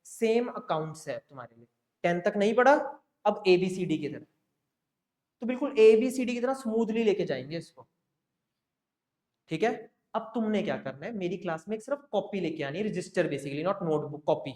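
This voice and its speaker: At a normal pace, a man with a high, expressive, slightly mellow voice teaches the groundwork of accounting. Encouraging in tone, he keeps pausing to confirm his students understand. The classroom sound is echoey.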